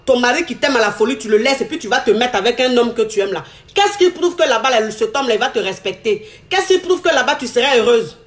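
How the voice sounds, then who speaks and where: A woman giving an emphatic, scolding advice monologue to other women, repeating herself and firing off rhetorical questions. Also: on the high side.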